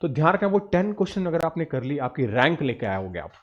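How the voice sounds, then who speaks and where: This exam coaching teacher, a man with an Indian accent, lectures students on exam preparation in a fairly quick, very animated, high-leaning voice. He is emphatic and instructive, often poses questions and answers them himself, and mixes English words into his speech. The sound is lo-fi.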